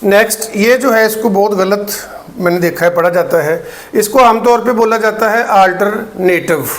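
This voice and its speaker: A man from Pakistan with a Pakistani Urdu accent, teaching English pronunciation and slowly repeating each word for practice. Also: high-pitched. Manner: slow, deliberate, repeats words for drill; explains patiently, checks in with "ठीक है". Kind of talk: pronunciation lesson.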